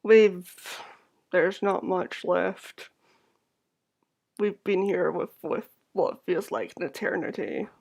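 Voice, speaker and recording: An eerie catfolk woman of a tavern, acted out by a woman in a tabletop game. She speaks slowly in a flat monotone, resigned and empty of emotion. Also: lowish voice, vocal fry, heavily acted.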